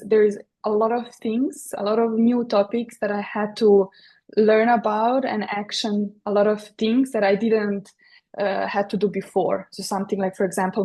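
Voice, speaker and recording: Serbian-accented woman, flat-voiced and hesitant. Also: medium pitch. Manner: hesitant, many fillers and restarts. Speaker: guest, interior designer. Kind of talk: podcast interview.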